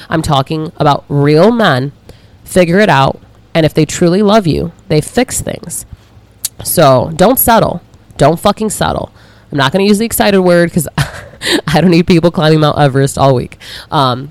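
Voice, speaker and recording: A woman's voice: low-pitched, dry recording. Blunt, foul-mouthed woman giving advice. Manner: blunt, heavily profane, laughs often; gushing and animated when excited. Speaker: podcast host. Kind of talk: casual advice podcast, reading listener messages.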